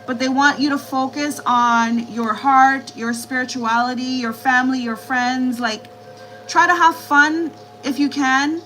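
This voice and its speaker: High-voiced woman giving tarot readings. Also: fairly even intonation, measured pace, bright, forceful tone, faint music behind, rough recording. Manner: repetitive, reassuring, relays spirit messages. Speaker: tarot reader. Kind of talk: live-stream tarot reading.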